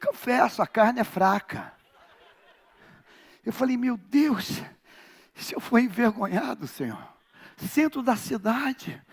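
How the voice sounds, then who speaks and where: A male pastor from Brazil with a Rio de Janeiro accent, preaching a sermon in a large church, telling a story dramatically and swinging between shouts and near-whispers. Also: extremely high pitch, animated, takes it slowly, gravelly, long pauses, breathy edge. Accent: Rio de Janeiro Portuguese.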